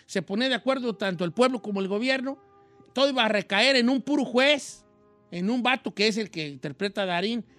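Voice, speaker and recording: Don Cheto: a man doing a high folksy old Mexican host. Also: a bit bright. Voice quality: high, slangy and rambling. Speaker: radio host. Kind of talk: casual radio chat, film recommendations.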